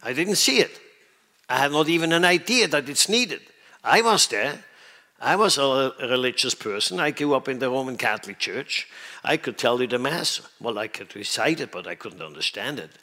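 A man's voice: mid-range voice, expressive, normal speed, pushed and bright. A man from Switzerland preaching a sermon, stressing his points and often asking the audience whether they understand. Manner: emphatic, questions the audience often.

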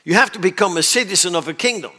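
Preaching a sermon, a Swiss man drives his points home and keeps asking the audience whether they understand. His high voice is bright and forceful, and he moves at a quick pace.

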